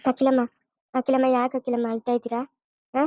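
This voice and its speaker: A woman's voice: sits high, little pitch movement, a little fast, darkish tone, no echo, natural voice. A woman voicing a caring young daughter-in-law who comforts and pleads in a cartoon. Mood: comforting.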